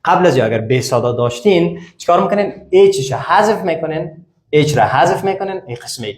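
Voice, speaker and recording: A man's voice: a little high, expressive. Man teaching in an echoey classroom. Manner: explains slowly, repeating example phrases several times. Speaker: English teacher. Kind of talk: classroom language lesson.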